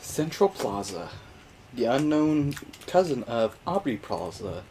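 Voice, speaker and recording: A man's voice: mid-range voice, big pitch swings, slow pace, mellow, a little hiss or hum, low-quality recording. A man giving casual, joking commentary while playing a video game. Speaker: let's play commentator.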